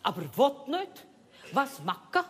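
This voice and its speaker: A woman's voice: high voice, big pitch swings, slow, exaggerated voice. An older actress playing a bossy, nagging Italian housewife on stage, scolding emphatically with an Italian accent and broken grammar mixed with her native tongue. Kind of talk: stage comedy-drama acting. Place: indoor theatre stage. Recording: reverberant theatre stage, faint noise.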